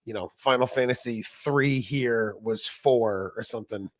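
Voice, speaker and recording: A man's voice: medium pitch, a little slow, no echo, studio quality. A man co-hosting a casual podcast, joking around and reading old magazine letters aloud in mock voices. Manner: jokey, reads letters in mock voices, laughs often. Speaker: podcast co-host.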